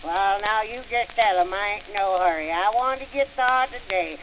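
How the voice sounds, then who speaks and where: A man's voice: high-pitched, moderate pace, a bit bright. A man playing a folksy, nervous old uncle with a rural American drawl, in the style of an early 1900s comic sketch. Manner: rustic drawl, homespun exclamations. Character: folksy old country uncle, nervous, wide-eyed, chuckling. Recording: very noisy, crackling antique record.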